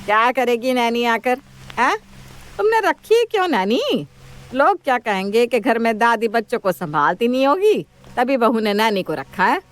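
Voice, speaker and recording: Woman doing a bossy old mother-in-law in a cartoon story, taunting and sharp. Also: on the high side, lively intonation, moderate pace, voice pushed up. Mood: scornful.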